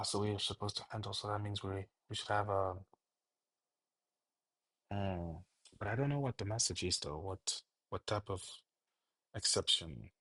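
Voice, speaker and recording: A man leading an unscripted coding tutorial, thinking aloud in a halting way with fillers and self-corrections. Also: deep voice, sharp tone, husky, no room sound. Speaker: programming tutor.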